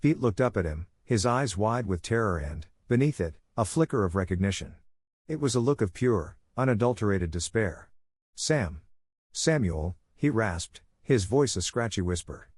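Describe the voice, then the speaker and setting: A man narrating a dramatic story in a steady, measured storytelling delivery. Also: lowish voice, breathy edge, no room sound, clean studio sound.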